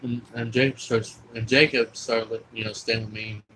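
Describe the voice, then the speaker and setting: A man's voice: mid-range voice, little pitch movement, moderate pace, a bit bright, a little hiss or hum, low-quality recording. Rambling, cussing young guy. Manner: rambling, profane, full of fillers and restarts. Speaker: storyteller. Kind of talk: rambling personal story.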